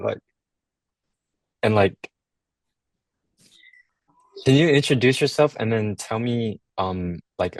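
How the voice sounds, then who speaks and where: A man asking interview questions in a halting way, repeating himself as he goes. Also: on the low side, no room sound. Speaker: student interviewer.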